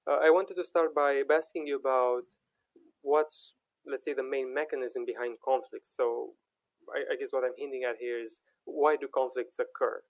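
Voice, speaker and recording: A man's voice: medium pitch, steady tone, moderate pace, no echo, poor audio. A young man hosting a podcast interview, speaking with frequent fillers and restarts. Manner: hesitant, many fillers and restarts. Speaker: podcast host.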